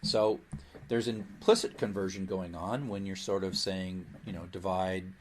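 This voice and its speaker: A man's voice: low-pitched, fairly even intonation, a little slow, slight background noise. A man teaching programming in a recorded lecture, explaining patiently and voicing the computer in playful asides. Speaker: programming instructor.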